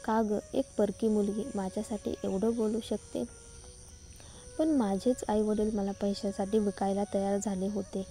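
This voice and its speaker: Woman reader doing a hurt, pleading young student; dark, mellow tone. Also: mid-range voice, steady tone, moderate pace, close to an everyday voice. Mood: sorrowful. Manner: pleading, sorrowful.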